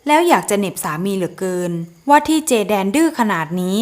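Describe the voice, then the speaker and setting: A woman narrating an audio novel in a steady, even reading voice. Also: mid-range voice, fast. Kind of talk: scripted storybook narration.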